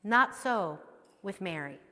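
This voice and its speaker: A woman's voice: mid-range voice, expressive, takes it slowly, sharp tone. A woman pastor giving a conversational sermon, chatty and often checking in with the congregation. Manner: chatty, keeps checking in with "right?". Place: church sanctuary. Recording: long church reverb.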